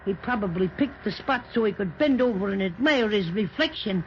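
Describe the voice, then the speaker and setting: A performer voicing a cheerful, protective little cinnamon teddy bear who reassures the children and is bossy toward the stork, in a 1930s radio drama. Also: female voice, medium pitch, animated, moderate pace, a little hiss or hum, natural voice. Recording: dull old 1930s radio transcription.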